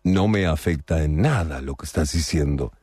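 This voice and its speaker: A man's voice: rumbling low, moderate pace, warm tone, husky, dry recording. A man hosting a call-in radio show, sarcastic and theatrically insulting toward callers.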